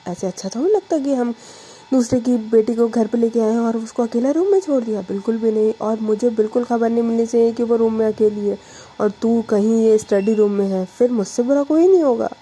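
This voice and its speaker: A woman's voice: a little high, a little fast, mellow, slightly rough, faint music behind. A woman voicing a bossy but affectionate elderly grandmother who scolds and teases in a storytelling reading. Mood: scolding. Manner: scolding, teasing.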